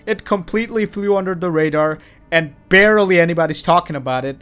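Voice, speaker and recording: A man's voice: sits high, fast, fairly bright tone, clear, resonant tone, soft background music. A man hosting a casual game review, talking in a blunt, profane and sarcastic way. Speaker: game reviewer, channel host.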